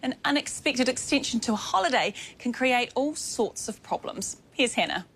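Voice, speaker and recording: A New woman presents a current affairs show in a high voice. She delivers her scripted links briskly and crisply, handing over cleanly to the reporter. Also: lively intonation, very noisy.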